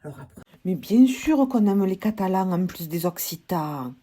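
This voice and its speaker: A woman's voice: mid-range voice, lively intonation, normal speed, mellow, slightly rough. A woman from Toulouse with a Toulouse accent, talking alone in a humorous, ironic monologue with whispered asides. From Toulouse, France. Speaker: vlogger.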